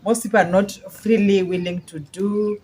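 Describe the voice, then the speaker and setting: A woman's voice: mid-range voice, fairly even intonation, moderate pace, a little mellow, slight background noise. Kenyan-accented woman hosting, birds in background. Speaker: channel host. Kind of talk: casual video chat.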